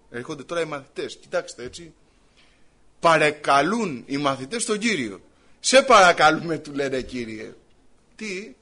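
A man's voice: on the high side, a bit bright. A man preaching a sermon, reading scripture aloud and then explaining it to the congregation he calls brothers, in an earnest, emphatic way.

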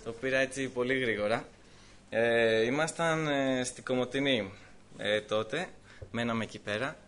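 Bright-voiced man sharing a church testimony. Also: medium pitch, smooth. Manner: lively storytelling that voices the people in his story. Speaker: church member giving testimony.

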